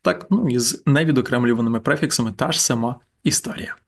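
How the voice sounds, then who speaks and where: A man teaching a German grammar lesson over slides, explaining patiently and repeating examples slowly. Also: medium pitch, gravelly.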